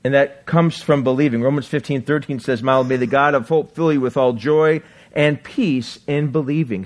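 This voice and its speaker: A man preaching a sermon as pastor, talking fast and excitedly, with many rhetorical questions to the congregation. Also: mid-range voice.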